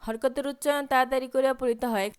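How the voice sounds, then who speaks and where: Bengali-native woman teacher, higher-pitched, crisp and clean tone, unhurried recitation drill with quick asides. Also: fairly even intonation. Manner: slow drawn-out recitation mixed with quick spoken explanations. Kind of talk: recitation lesson, sounding out letters and vowel marks.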